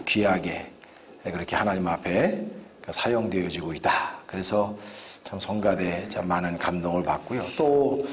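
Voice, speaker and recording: A man's voice: lowish voice, a little hiss or hum. A man preaching as guest pastor at a church revival service, joking with the congregation and asking them questions. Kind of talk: revival sermon. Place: church sanctuary.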